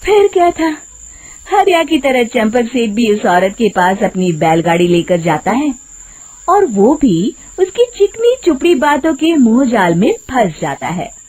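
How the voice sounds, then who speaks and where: A woman's voice: fairly high pitch, big pitch swings, a little slow, darkish tone, poor audio. A woman narrating a scripted moral story for children.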